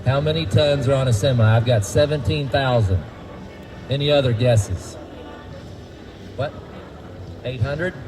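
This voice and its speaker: A feed mill tour guide speaks to his group at a measured pace with long pauses, his voice medium in pitch and the audio poor. He's folksy and likes to quiz the people he's guiding.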